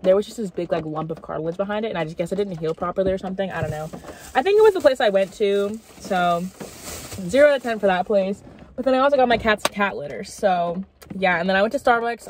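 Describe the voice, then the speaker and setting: A woman's voice: medium pitch, slight background noise. A young adult woman chatting casually to camera in a slangy, self-deprecating way as she vlogs. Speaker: vlogger. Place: small bedroom, car, gym locker room. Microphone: handheld camera at arm's length.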